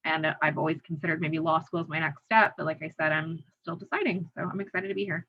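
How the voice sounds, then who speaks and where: A young woman student introducing herself in a quick, chatty, hedging way on a video call. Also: deep voice, fairly even intonation, slightly rough, dull audio. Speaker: undergraduate student.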